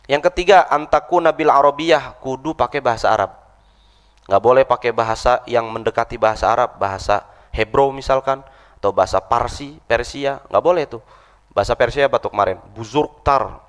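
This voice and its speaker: A man giving a lively, demonstrative mosque lesson as an Islamic teacher, drawing out example phrases slowly. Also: medium pitch. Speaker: ustadz teaching Islamic law. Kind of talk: mosque study lesson, casual Jakarta speech. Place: large mosque hall. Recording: echoey mosque hall.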